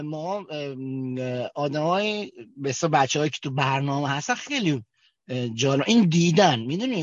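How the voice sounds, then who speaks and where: A man from Kerman with a Kermani accent tells his recovery story at a group meeting, halting often with fillers and restarts. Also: high voice, a bit bright, no room sound. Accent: Kermani Persian. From Kerman, Iran. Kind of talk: personal testimony at a recovery meeting. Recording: dull, dry recording.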